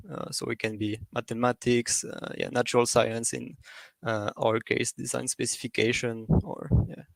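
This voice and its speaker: Halting man giving a talk, dry sound. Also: medium pitch, vocal fry, no echo. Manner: halting, with many fillers and restarts. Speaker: presenter. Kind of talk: academic presentation.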